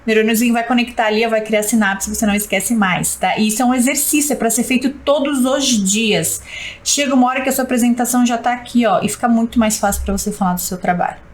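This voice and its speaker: A woman's voice: fairly high pitch, quick pace, rough recording. A Brazilian woman teaching a live-streamed class, checking in with "tá?" and drilling her points by repetition. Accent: Brazilian Portuguese. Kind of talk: live-stream lesson, reading viewer comments.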